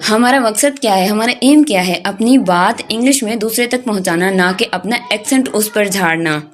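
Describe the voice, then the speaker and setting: Pakistani woman teaching English phrases. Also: mid-range voice. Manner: says English phrases slowly and deliberately after the Urdu; addresses students directly, repeats for emphasis. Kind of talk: online language lesson.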